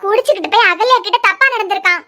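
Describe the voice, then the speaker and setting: A woman's voice: extremely high pitch, pushed and bright, voice pushed up. A woman voicing a blunt, outspoken aunt in a cartoon serial, with a Kanyakumari Tamil accent. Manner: blunt, brisk.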